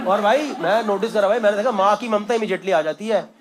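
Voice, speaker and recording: A man's voice: high voice, brisk, heavy background noise. A man performing stand-up comedy on stage, telling a story conversationally and acting out the other people in it. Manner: conversational, acts out quoted voices. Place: comedy stage before a live audience. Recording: live show, loud audience laughter. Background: crowd laughing.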